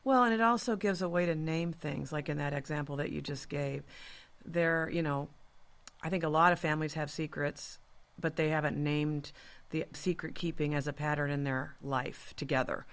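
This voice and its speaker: A woman's voice: low voice, steady tone, moderate pace. A woman hosting a podcast, talking in a reflective, earnest way and often murmuring agreement. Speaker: podcast host. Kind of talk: conversational podcast talk.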